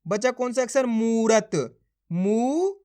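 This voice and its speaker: A man's voice: extremely high pitch, expressive, slow, mellow, clean tone. A man teaching Hindi reading, sounding out words syllable by syllable and quizzing his viewers as friends. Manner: addresses viewers as friends, urging them to try. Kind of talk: slow spelling-out lesson.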